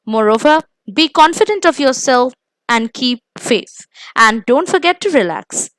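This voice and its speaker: This interview coaching lesson is narrated by an expressive woman with a high voice, an Indian accent and a fairly bright tone, speaking in a scripted, measured, emphatic way as she gives tips. The rough recording is dry and close, with no room sound.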